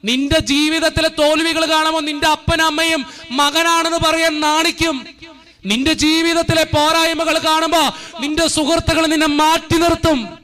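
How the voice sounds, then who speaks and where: Fervent priest preaching, high voice. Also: male voice, little pitch movement, moderate pace, bright, forceful tone. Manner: storytelling, rising to fervent repeated appeals. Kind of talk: sermon. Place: church courtyard.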